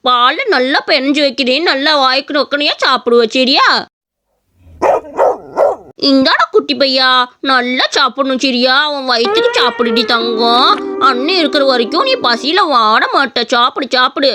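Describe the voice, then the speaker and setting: A woman voicing a kind-hearted young boy who talks gently and coaxingly. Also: high-pitched, normal speed, close to an everyday voice. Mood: tender.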